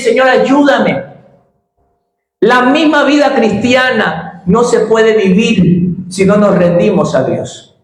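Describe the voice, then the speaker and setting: Male pastor, high voice, impassioned sermon, very echoey sanctuary. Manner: impassioned preaching, shifting between slow emphatic phrases and sudden shouts. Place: church.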